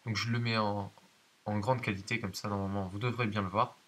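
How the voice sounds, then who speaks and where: A man's voice: fairly low pitch, flat delivery, a little fast, a bit bright. A man giving hesitant, explanatory let's-play commentary of a horror game, talking directly to his viewers. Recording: hissy home recording.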